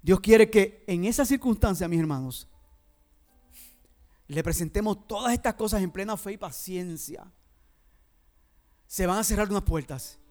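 A man's voice: sits high, animated, unhurried, long pauses, a little mellow, faint music behind. A male pastor preaching a sermon, emphatic and repetitive, often turning to address the congregation directly.

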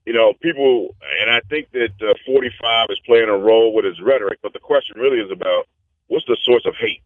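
A man calling in over the phone to a talk show, asking a simple, direct question in a measured way. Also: medium pitch, dry recording. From Pennsylvania. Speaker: caller. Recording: tinny phone line.

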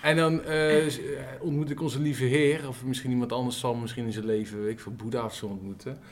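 A man's voice: medium pitch, fairly even intonation, fairly quick. A man from the Netherlands hosting an interview, asking direct, probing follow-up questions in a casual tone. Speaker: host.

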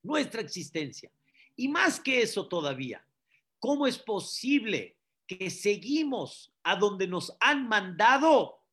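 Man, rabbi, sermon, slow deliberate delivery, bright voice, rhetorical questions. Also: high-pitched, very animated. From Mexico. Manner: preaching with repetitions and rhetorical questions.

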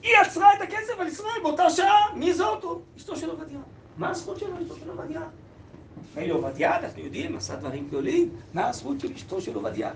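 A man's voice: extremely high pitch, sing-song, a bit bright, echoey room, a little hiss or hum. A man teaching a text-study lesson, reading old sources, translating them aloud and putting questions to the class.

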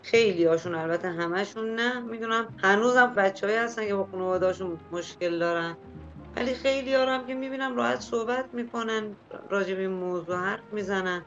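A woman co-hosting a talk radio show, talking in a relaxed, direct, conversational way. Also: mid-range voice, muffled recording, faint music behind. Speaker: co-host.

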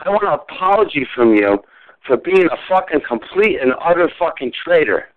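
Man, forties, furious and swearing, high and swooping voice, phone-line audio. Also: big pitch swings, moderate pace. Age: 40s. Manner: furious, swearing, repeating himself. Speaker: call recipient. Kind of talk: heated phone argument.

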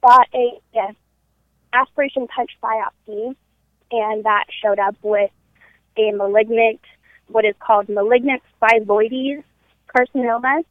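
Her voice a little high, a twentysomething podcast guest speaks candidly and cheerfully in a casual interview from her parents' home. The audio comes over a tinny, dry conference call line without echo.

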